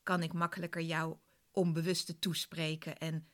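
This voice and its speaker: Female relaxation instructor, lower register, informal explanatory delivery aimed straight at the listener. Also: little pitch movement, moderate pace. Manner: explanatory, addresses the listener directly. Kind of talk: casual spoken introduction to an exercise.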